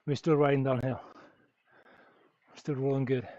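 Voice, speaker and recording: On an indoor bike session, a man from Germany chats with his stream viewers in an easygoing manner, thinking aloud and using many fillers; German is his mother tongue. His mid-range voice is dark and level at normal speed. The recording is dull, dry lo-fi with no room sound.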